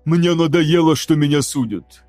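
A man voicing a battered, weary warrior-prince in an audiobook, speaking gruffly and tersely through clenched teeth. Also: a little high, normal speed, darkish tone, soft background music, close to an everyday voice. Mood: weary, defiant.

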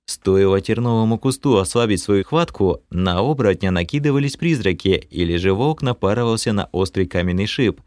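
A man reading a fantasy audiobook in the first person, animated and expressive. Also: on the low side, a little fast, hardly any pauses, no room sound, studio quality. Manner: animated reading with lively shifts of tone. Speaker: audiobook narrator.

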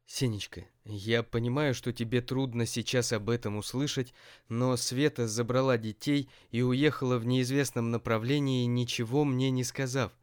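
A man's voice: mid-range voice, moderate pace, clear, resonant tone, natural voice. A man voicing an anxious older mother who pleads with and soothes her son in an audiobook.

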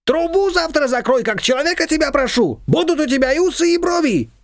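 In a clean studio recording with no room sound, a man narrating an audiobook puts on a full character voice well above his natural pitch, very high and swinging widely. He plays a bossy, meddling middle-aged neighbor woman who scolds and fires off pushy demands in quick succession.

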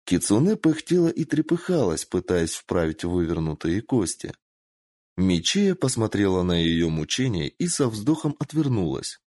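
A man narrating a story aloud with an animated, dramatic delivery. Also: sits low, moderate pace, dry recording, studio quality. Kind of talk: expressive story reading.

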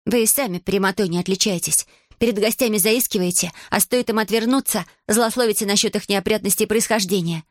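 A woman's voice: medium pitch, brisk, no room sound, studio quality, close to an everyday voice. A woman voicing a determined young orphan girl who stands up to her stepmother, speaking firmly and pointedly, read for an audiobook. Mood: defiant. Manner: firm, pointed and steady.

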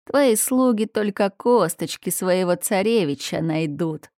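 A woman voicing a huge, menacing sphinx monster that poses riddles, in a slow, drawn-out, gloating way. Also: mid-range voice, expressive, a little mellow, no echo, studio quality, lightly acted.

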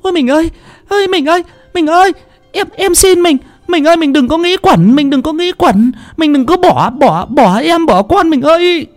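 A man's voice: extremely high pitch, animated, moderate pace, dry recording, voice pushed up. A man voicing a frightened village wife who wails and begs her husband through sobs. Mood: wailing, pleading. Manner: sobbing, pleading, begging. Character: wailing frightened village wife, middle-aged.

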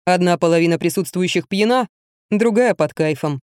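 Woman playing a young male trainer, low, curt, matter-of-fact, dry sound. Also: normal speed, darkish tone, clear, resonant tone, no echo, close to an everyday voice. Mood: cool. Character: calm, blunt young male fitness trainer.

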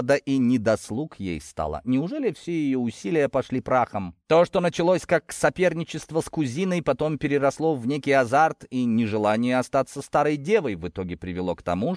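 Male narrator, animated storytelling read, mid pitch, dry studio. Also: dry recording. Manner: expressive storytelling. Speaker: audiobook narrator. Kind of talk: scripted narration.

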